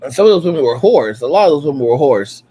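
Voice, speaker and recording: A man's voice: a little high, big pitch swings, quick pace, mellow, husky. A man in his late thirties giving a preachy, repetitive rant as a reaction streamer, reacting to clips from home. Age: late 30s. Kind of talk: ranting commentary over clips.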